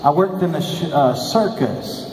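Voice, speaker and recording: A man's voice: a little high, lively intonation, measured pace, a little mellow. A man in his sixties talking as a kids party magician, joking and speaking directly to the children in his live show patter. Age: 60s. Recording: echoey hall from far off, faint noise.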